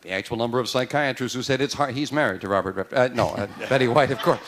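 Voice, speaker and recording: An American man hosting a game show, announcing questions and results with animated emphasis in a television studio. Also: mid-range voice, fast talker. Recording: noisy TV studio with crowd.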